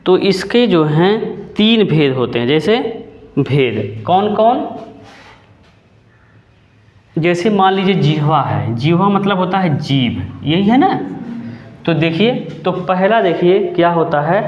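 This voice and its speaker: A man's voice: sits high, expressive, slow, long pauses. A man teaching a grammar lesson to a class, stretching out sounds with emphatic repetition and often checking whether students follow. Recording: echoey, dull room sound with faint noise.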